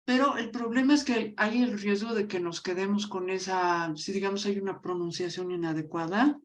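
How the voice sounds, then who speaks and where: A woman's voice: mid-range voice, fairly even intonation, normal speed, a little hiss or hum. A woman teacher from La Paz with a Bolivian accent, explaining a lesson and calling on students by name. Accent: Bolivian Spanish (La Paz).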